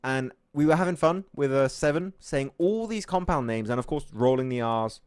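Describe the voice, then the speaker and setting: A man casting an esports match, joking with his partner and getting loud during the action. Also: medium pitch, animated, normal speed, clear, resonant tone. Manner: jokey, laughs often, rises sharply when play heats up. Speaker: esports caster. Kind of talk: esports play-by-play commentary.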